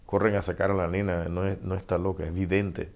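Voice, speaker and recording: A man's voice: sits low, brisk, muffled recording. A middle-aged man with a Panamanian Spanish accent, an author telling stories in a casual interview and acting out the dialogue. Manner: animated storyteller, acts out dialogue, laughs often. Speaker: author guest.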